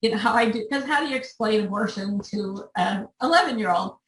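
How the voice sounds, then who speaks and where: Older woman organizer, halting and heartfelt, mid pitch, roomy sound from a distant mic. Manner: earnest, halting, emotional. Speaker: volunteer organizer. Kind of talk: speaking to a meeting.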